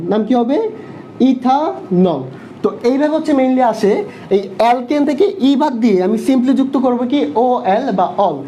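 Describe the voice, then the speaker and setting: Fast-talking man tutoring. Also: extremely high pitch, warm tone, a little hiss or hum. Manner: asks quick questions and answers them himself. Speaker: chemistry tutor. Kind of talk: online live class lecture. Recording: dull lo-fi online class audio.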